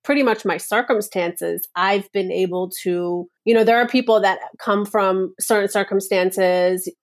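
A woman's voice: medium pitch, steady tone, unhurried. A woman from Nepal, a guest on a podcast interview, speaking earnestly and reflectively, often stringing thoughts together with "like" and "and so.". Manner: earnest, reflective, many "like" and "and so" fillers. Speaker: guest, personal power coach.

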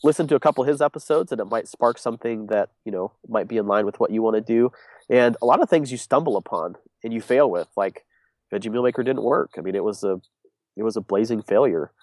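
A young man with a stuffed-up, congested voice answers interview questions in a loose, rambling way, full of ums and restarts. His voice sits fairly low and sounds dry and close, with little room around it. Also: fast talker, a little mellow, no room sound. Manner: rambling, many fillers and restarts. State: congested, sick. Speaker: guest, business owner. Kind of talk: casual interview conversation.

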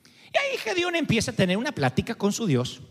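A male preacher delivers a lively sermon with a high voice, and his pitch swings widely as he tells the story. He acts out each quote, and his words ring with a long reverb that fills a large hall. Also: a little fast. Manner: animated storytelling, acting out quotes.

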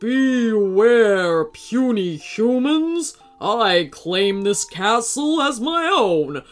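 A woman's voice: fairly high pitch, sing-song, very slow, soft background music, full character voice. A woman voicing a big, boastful male dragon who bellows threats. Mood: menacing. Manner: loud, blustering threats.

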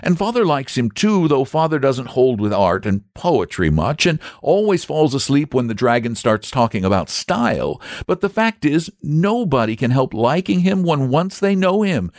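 A man's voice: very animated, moderate pace, hardly any pauses, a little mellow, no room sound, clean studio sound, natural voice. A man voicing an earnest young boy in a raised, pleading voice. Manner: pleading and high-pitched.

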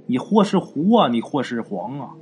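A man's voice: mid-range voice, big pitch swings, moderate pace, a little mellow, a little hiss or hum, close to an everyday voice. A man voicing a fierce village grandmother who threatens a spirit.

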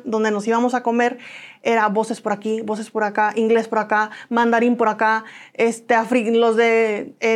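Mexican woman recounting her past, higher voice. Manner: earnest, animated, acts out quoted voices. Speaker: guest. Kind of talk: interview, personal storytelling.

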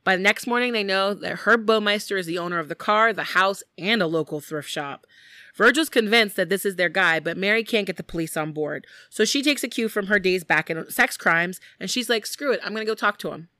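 A woman's voice: medium pitch, fairly quick, dry recording, studio quality. A woman co-hosting a podcast, casually recounting a true-crime case and acting out the people in it, with lots of "like". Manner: animated, acts out quoted people, frequent "like". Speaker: podcast co-host.

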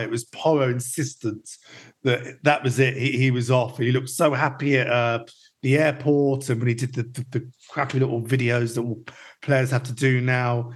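Male podcast host, casual football chat, mid-range voice. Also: mid-range voice.

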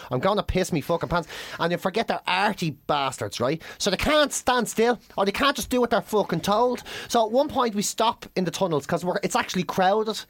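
A man's voice: high voice, brisk, few pauses, no echo. A man, a comedian host telling a funny story in casual chat, swearing and mimicking people. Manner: animated, swearing, mimics others.

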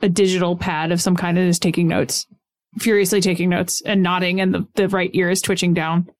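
A woman player in a tabletop game describing her character in a relaxed, musing way. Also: on the low side, fairly quick.

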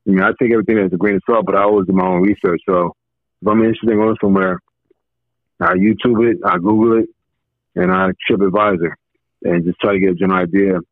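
A man calling in to a podcast over a muffled, bass-heavy phone line, talking in a calm, laid-back, reassuring way. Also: fast talker, no room sound. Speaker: caller. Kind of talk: casual podcast chat.

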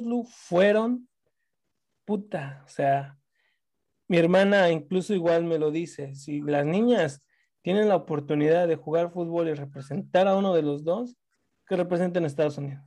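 A fairly high-voiced man, chatting about football on a talk show. He is animated, swears casually and often breaks off to restart a sentence. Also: moderate pace. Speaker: sports talk show host. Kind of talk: casual sports chat.

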